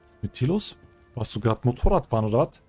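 A man's voice: mid-range voice, very animated, fast, warm tone, husky, soft background music. Chatty man commenting on gameplay. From German-speaking country. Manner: chatty and joking, talks to game characters. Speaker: let's play host.

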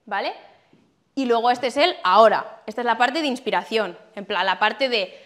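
A woman's voice: on the high side, fairly bright tone. A young woman with an accent from Spain giving a casual workshop talk, swearing freely and acting out quoted dialogue. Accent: Spain Spanish. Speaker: workshop speaker.

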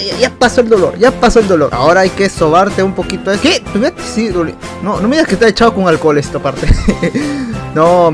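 A man giving excitable, rambling gameplay commentary, laughing often. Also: sits high. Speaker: YouTuber. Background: game music.

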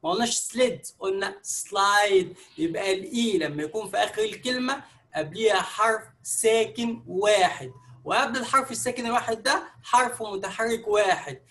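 A man's voice: high-pitched, a little fast, fairly bright tone. A man with an Egyptian Arabic accent explaining an English lesson patiently, step by step, with many fillers. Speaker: English teacher.

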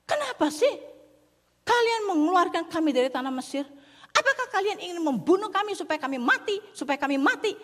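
A woman preacher voicing a complaining crowd of desert wanderers in a shrill, whining tone, with long hall reverb. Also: very animated, brisk.

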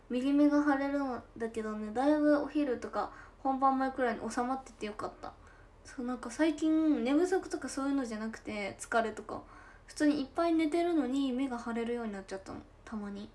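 A young idol livestream host with a high, bright voice and a Tosa dialect accent casually reads comments and chats on her stream. She is chatty, giggles often, and lets the ends of her phrases trail off softly.

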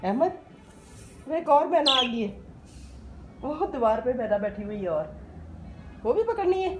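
A woman's voice: sits high, sing-song, a little slow, highs cut off, over music. A woman with a Pakistani Urdu accent, playfully teasing a toddler in a sing-song voice while filming a home vlog. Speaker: vlogger. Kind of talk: playful baby-talk narration to a child. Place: home during a power cut.

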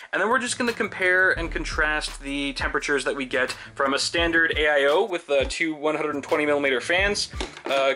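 A man's voice: on the high side, bright, forceful tone. A man around thirty narrating a casual tech vlog with a wry, tongue-in-cheek streak. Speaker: tech video host. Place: indoor room at home with computers.

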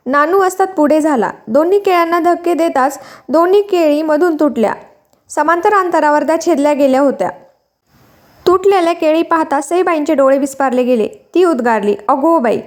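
A woman's voice: sits high, a little mellow. A woman reading a historical novel aloud, voicing the dialogue with light inflection. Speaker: novel reader.

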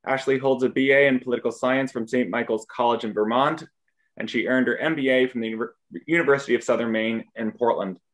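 A man moderates an online panel, handing over to speakers and reading their introductions smoothly. His voice sits at a middle pitch. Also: steady tone, fast. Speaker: webinar moderator.

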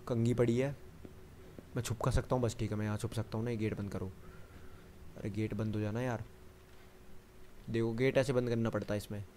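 A man's voice: mid-range voice, darkish tone, slight background noise. Jumpy man narrating a horror game. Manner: chatty, keeps talking to himself and the viewer; jumpy, panicky bursts when the enemy appears. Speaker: gamer. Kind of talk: horror gameplay commentary.

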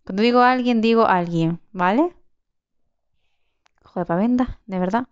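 A woman's voice: mid-range voice, normal speed, clear, resonant tone, muffled recording. A young woman commenting casually on her survival game, chatty, swearing and exclaiming as she plays. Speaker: gaming channel host. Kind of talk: casual let's-play commentary.

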